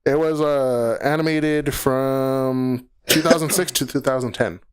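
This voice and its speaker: A man's voice: medium pitch, steady tone, unhurried, smooth. A man chatting as a podcast guest, rambling and restarting sentences as he explains a show he likes. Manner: rambling, restarts often, laughs. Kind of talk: casual podcast chat about anime.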